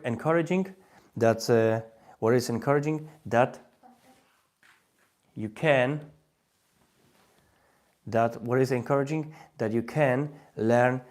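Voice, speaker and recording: A slightly mellow, mid-range voice belongs to a man in his thirties with a Polish accent, who hosts a live language-learning webinar stream. He keeps repeating phrases and coaxing viewers into commenting.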